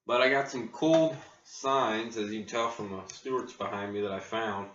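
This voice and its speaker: An American man chatting casually and in a rambling, unhurried way as he hosts a vlog from his garage on a laptop microphone. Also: lowish voice, fairly even intonation, a bit bright. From Ohio, United States. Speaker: video blogger, channel host. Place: home garage. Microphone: built-in laptop camera microphone. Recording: roomy, distant, muffled laptop mic with faint noise.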